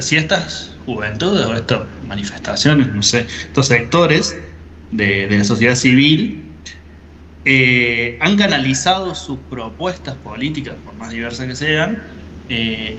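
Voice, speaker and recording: A man attending a seminar, asking a long question politely and rephrasing it as he goes. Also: medium pitch. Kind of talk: academic question. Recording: clear noise in the background.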